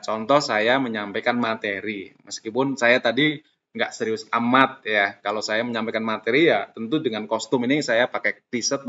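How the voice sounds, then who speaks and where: A man's voice: mid-range voice, bright, forceful tone. A man giving a casual, chatty tutorial to teachers, explaining step by step with lots of fillers. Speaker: teacher trainer. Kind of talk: casual screen-recorded tutorial. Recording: dull lo-fi sound.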